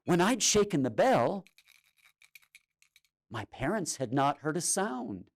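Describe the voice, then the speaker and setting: A man reading a children's story aloud in a theatrical, expressive way with drawn-out pauses. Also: on the high side, vocal fry. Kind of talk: dramatic children's storytime narration. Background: music and sound effects.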